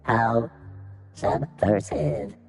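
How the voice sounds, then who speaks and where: A man voicing a robot bartender unit that boots up and loads programmed banter, speaking in deadpan, mechanical announcements. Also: mid-range voice, extremely slow, gravelly, faint music behind. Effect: robot voice booting up and loading protocols. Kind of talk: video game voice acting.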